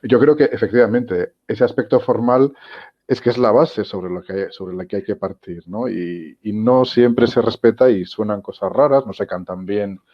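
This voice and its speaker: Low-voiced male interviewer on a video call. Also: normal speed. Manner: rambling questions with many restarts. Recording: dull lo-fi video-call sound.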